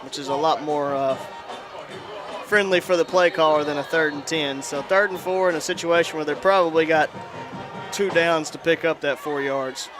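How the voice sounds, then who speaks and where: A man's voice: a little high, moderate pace, music in the background. A man giving live play-by-play commentary at an outdoor football game, with energy that rises on big plays. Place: outdoor high school stadium. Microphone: headset. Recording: crowd noise behind.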